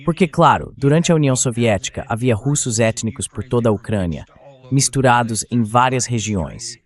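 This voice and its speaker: A man with a Brazilian accent, speaking at normal speed in an animated, medium-pitched voice, appears as an interview guest in a translated voice-over. He offers political commentary, explaining in a conversational manner.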